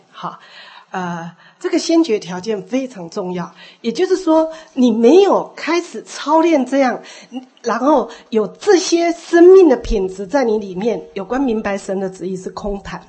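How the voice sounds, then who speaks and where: A woman's voice: medium pitch, warm tone, slightly rough. A woman leading church teaching, explaining points and asking the congregation questions. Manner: instructive, asks the congregation questions. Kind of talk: sermon teaching.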